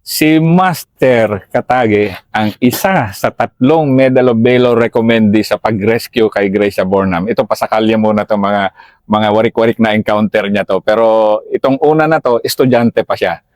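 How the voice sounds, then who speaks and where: A man hosting an interview, asking brisk, probing questions and prompting the guest to go on. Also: on the low side, a little mellow, no room sound. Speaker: interviewer, retired colonel. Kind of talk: interview, casual chat.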